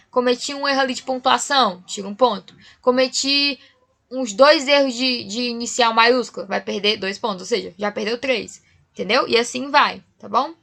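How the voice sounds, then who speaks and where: Woman, Brazilian accent, teacher, bright higher voice, patient step-by-step explaining, frequent check-ins. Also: creaky. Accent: Brazilian Portuguese. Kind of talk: remote writing class lecture.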